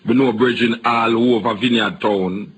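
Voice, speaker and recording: A Jamaican man hosting a radio interview, telling stories in animated patois. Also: medium pitch, unhurried, noisy background. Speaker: radio host.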